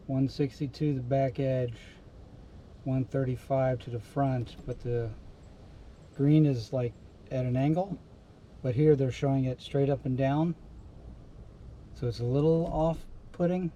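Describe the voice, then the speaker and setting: A man giving casual, low-key golf commentary on his own round, talking through his shots in short, clipped phrases. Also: steady tone, measured pace, long pauses, warm tone, a little hiss or hum. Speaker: amateur golfer recording his own round. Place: outdoors on a golf course.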